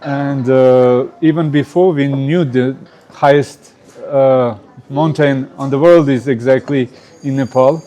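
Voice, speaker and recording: Slow and mellow, this man's medium-pitched voice keeps a fairly even intonation over dull-sounding audio. He's from Croatia, an interview guest giving casual answers in Croatian-accented English, full of hesitation, "uh" fillers, and non-native phrasing.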